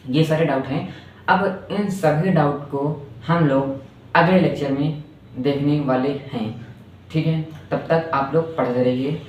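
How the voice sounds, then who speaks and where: A man's voice: on the high side, lo-fi sound. A male physics teacher giving a lecture, repeating phrases and asking the class rhetorical questions. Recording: echoey distant room mic with faint noise.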